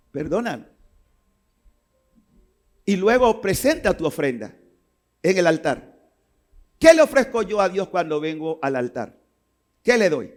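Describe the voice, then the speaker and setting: Man, priest, sermon, high voice, impassioned, shouts at peaks. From Panama. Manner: impassioned, rising to shouts and dropping low.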